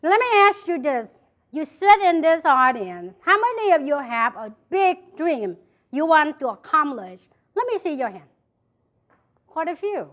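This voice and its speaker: A woman from South Vietnam with a Vietnamese accent speaks in a high, sing-song, fairly bright voice at a slightly slow pace. She's a motivational speaker giving an emphatic speech to a live audience in an event hall, repeating key phrases.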